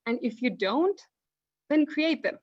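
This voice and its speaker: A woman's voice: high-pitched, lively intonation, unhurried. A young woman from Mexico closing a talk as a guest speaker, earnest and urgent. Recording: dull lo-fi call audio.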